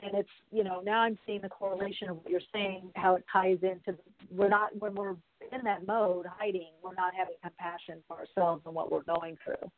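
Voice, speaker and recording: A woman's voice: lowish voice, little pitch movement, brisk, hardly any pauses, dry recording. Reflective woman host on a dry phone line. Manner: reflective, many fillers. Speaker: interview host. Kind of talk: interview talk.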